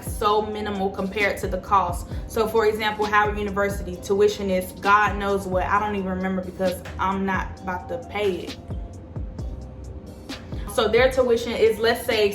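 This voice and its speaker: A woman in her twenties vlogs casual advice to camera, chatty and emphatic, calling her viewers "y'all." Her medium-pitched voice has a fairly bright tone and sounds reverberant.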